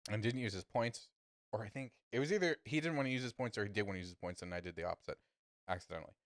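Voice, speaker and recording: A man co-hosting a podcast in casual chat, often breaking into high-pitched laughter. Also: very fast, no echo, studio quality. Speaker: podcast co-host.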